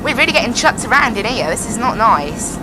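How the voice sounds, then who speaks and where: A woman's voice: fairly high pitch, very animated, brisk, background noise. A woman flying a simulated airliner, talking into a pilot headset and chatting casually as she explains each step. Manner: chatty, explains as she flies, repeats "I have to be honest". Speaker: flight sim pilot and streamer. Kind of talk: casual live-stream commentary over a cockpit headset.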